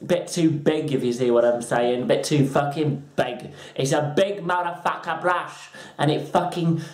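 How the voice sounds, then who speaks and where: A woman's voice: low voice, measured pace, a little mellow. A woman doing a comedic, rambling makeup brush review full of swearing. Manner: profane, rambling storytelling. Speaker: beauty vlogger. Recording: roomy echoey room.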